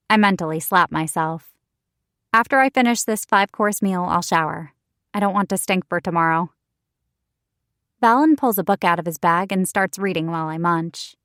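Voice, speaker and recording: A woman's voice: fairly low pitch, fairly bright tone, dry recording, clean studio sound. Woman narrating a wry first-person romance audiobook.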